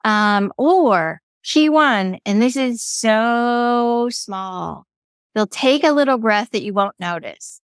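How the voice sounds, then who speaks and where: A woman speaks as an interview guest, lively and playful in her delivery. Her voice sits fairly high. The sound is dry and close, with no room echo. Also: slow pace, clean tone. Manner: animated, playful, acts out quoted voices. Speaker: guest, energy healer. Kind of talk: conversational interview.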